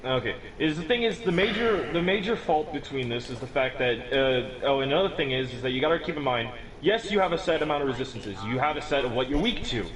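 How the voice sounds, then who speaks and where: The recording is rough, with a crowd in the background, as a teen boy explains a game build casually. His medium-pitched voice is animated and fast, with hardly any pauses, and he rambles, restarts often, and chuckles at what he says.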